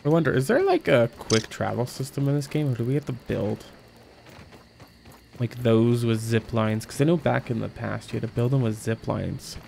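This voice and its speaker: Man, game streamer, gravelly, lively pitch, rambling casual commentary. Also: normal speed, slight background noise. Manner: rambling, thinks aloud, jokey.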